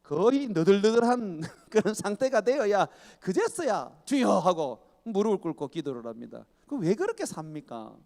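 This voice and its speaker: Animated high-voiced pastor preaching a sermon. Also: male voice, normal speed, few pauses. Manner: emphatic, rhetorical questions, chuckling asides. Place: church sanctuary. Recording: long church reverb.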